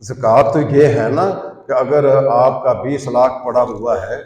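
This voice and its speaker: A man's voice: medium pitch, darkish tone. A man from Pakistan giving a Friday sermon in a large mosque, explaining rules step by step and pushing his voice up on key points. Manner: instructive, rising emphatic peaks on key points. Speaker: preacher. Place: large mosque prayer hall. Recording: echoey mosque hall from far off.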